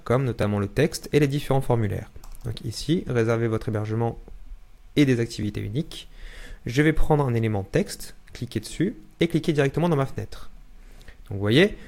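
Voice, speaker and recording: A young man walks viewers through a software tutorial, narrating each step as he works. His delivery is relaxed and conversational, the tone of someone thinking aloud at his desk. His pitch sits in an ordinary middle range. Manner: relaxed explaining, thinking aloud while clicking. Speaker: no-code tutorial instructor. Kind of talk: screen-recorded software tutorial.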